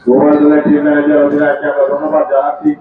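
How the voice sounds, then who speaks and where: A man's voice: on the high side, monotone, racing, heavy reverb, far from the mic, phone-quality sound. A man with a Bangladeshi accent giving live commentary at an outdoor football match.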